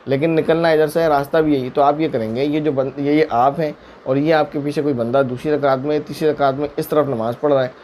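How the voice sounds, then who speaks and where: A man's voice: on the high side, fairly even intonation, darkish tone, a little hiss or hum. A man serving as a mufti who answers viewers' questions in a religious lesson. He explains each ruling patiently and step by step, using worked examples.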